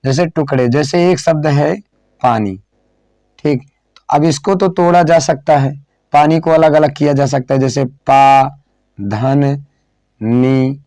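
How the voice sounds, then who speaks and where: A man teaching a lesson, slowly repeating phrases and asking questions that he then answers himself, sometimes drawing words out as he writes on a board. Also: a little high, mellow, dry recording. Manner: drawn-out dictation while writing on a board. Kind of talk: classroom lesson.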